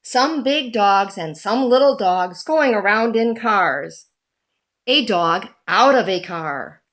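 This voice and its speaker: A woman reading a children's picture book aloud in a deliberate, animated storytelling manner. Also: mid-range voice.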